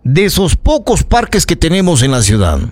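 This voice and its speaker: In live radio commentary, an Ecuadorian-accented man hosting a local news programme speaks indignantly and emphatically to listeners, repeating phrases for effect. He has a fairly high pitch with huge swings, a moderate pace, a slightly mellow tone, and no echo.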